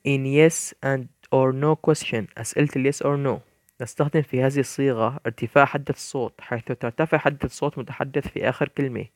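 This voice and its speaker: A man reads through a vocabulary list at a measured pace, giving each English word and then its meaning, and now and then tripping over a word and restarting. His voice sits in a middle register and is recorded dry and close, with no room sound. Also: mid-range voice, fairly even intonation, no echo. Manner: measured, with small stumbles and self-corrections. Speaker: English teacher. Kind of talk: bilingual vocabulary lesson, reading word lists.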